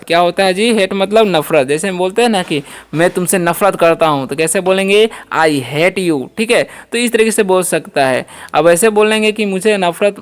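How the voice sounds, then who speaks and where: Clear-voiced man teaching English words. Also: high voice. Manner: explains slowly, repeats questions and answers; often adds "ठीक है" checks. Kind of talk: spoken English lesson.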